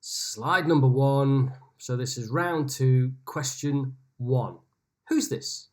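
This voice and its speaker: A man's voice: mid-range voice, slow. A man hosting an online pub quiz over a video call, reading each question twice with chatty asides. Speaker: quiz host.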